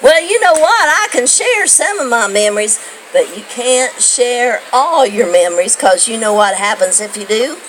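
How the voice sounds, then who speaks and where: A woman's voice: a little high, lively intonation, normal speed, fairly bright tone, slight background noise, rough recording. An older woman telling homespun stories to a young audience, rambling and asking her listeners questions. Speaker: storyteller. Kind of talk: folksy storytelling to a young audience.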